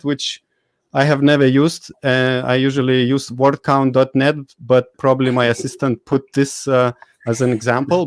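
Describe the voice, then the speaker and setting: A man's voice: mid-range voice, no echo. A man with a Lithuanian accent hosting a live webinar, chatty and hesitant, with many fillers and laughs. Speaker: host. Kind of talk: casual live webinar chat.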